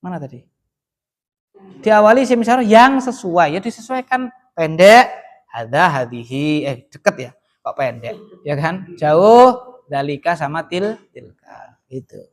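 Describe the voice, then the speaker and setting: A man's voice: on the high side, lively intonation, measured pace. Chatty male teacher. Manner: chatty, often adds "ya kan?" and "kayak gitu". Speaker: Arabic grammar teacher. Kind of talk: casual classroom lesson with Q&A.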